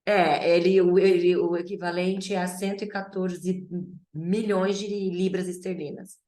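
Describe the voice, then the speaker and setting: Woman English teacher, lowish voice, unhurried and playful, echoey room. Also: level tone, mellow. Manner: chatty, playful, mixes Portuguese with English. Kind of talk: online English class.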